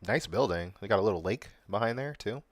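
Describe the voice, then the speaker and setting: A man's voice: fairly low pitch, expressive, fast, no room sound, studio quality. A young man commentating casually on a livestream while reacting to news clips, loose, slangy and sarcastic, laughing at his own jokes.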